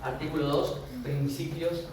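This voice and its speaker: A man's voice: fairly high pitch, level tone, a little slow. A man with an Argentine accent giving a university law lecture, explaining step by step and often checking in with his class. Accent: Argentine Spanish. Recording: echoey room, far from the mic, with noise.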